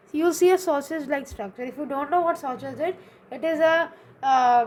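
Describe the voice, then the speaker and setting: A woman with a high, light voice and an Indian English accent teaches a biology lesson, walking through each term patiently. She repeats important words and keeps asking "okay?" to check the listener follows. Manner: explains step by step, repeats key terms, checks in with "okay?".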